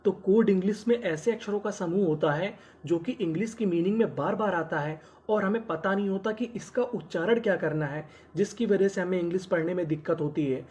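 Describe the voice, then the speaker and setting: A man teaching an English phonics lesson in Hindi. He asks questions, answers them himself, and sounds out letters slowly before blending them into words. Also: high-pitched, a little mellow.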